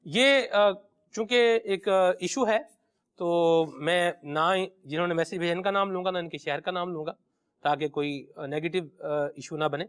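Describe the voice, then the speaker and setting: A man's voice: high-pitched, fairly bright tone, smooth. A man hosting a religious call-in show, reading viewer messages and telling anecdotes in a respectful, affirming way. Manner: respectful, affirming, hesitant fillers when reading.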